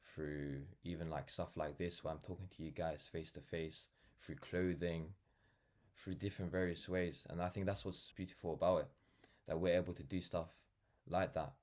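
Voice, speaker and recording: This vlogger and brand founder, a London-accented man of nineteen, speaks to camera casually and thoughtfully, rambling earnestly and leaning on "like" and "you know." His voice sits low, with fairly even intonation, a normal speed and a slightly mellow quality.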